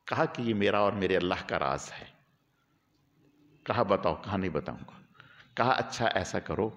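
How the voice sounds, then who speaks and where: A man preaching a weekly sermon, telling a story with animated swings between quiet narration and emotional peaks. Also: deep voice, dull audio. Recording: long hall reverb.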